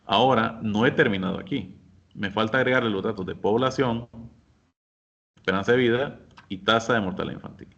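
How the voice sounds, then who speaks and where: A man teaching a software class, explaining each step patiently and speaking directly to his students. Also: lowish voice, brisk, muffled recording. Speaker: instructor. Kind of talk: screen-share software lesson.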